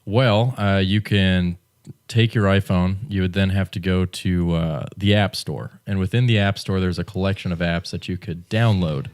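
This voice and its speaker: Deep-voiced young man teasing deadpan. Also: normal speed, smooth. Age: young adult. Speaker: podcast co-host. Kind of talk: casual podcast banter.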